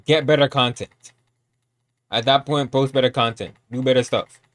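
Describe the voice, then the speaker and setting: A man's voice: medium pitch, fairly even intonation, normal speed, fairly bright tone, dry recording. A man doing casual live reaction commentary as a streamer, talking in repetitive slang and often saying bro.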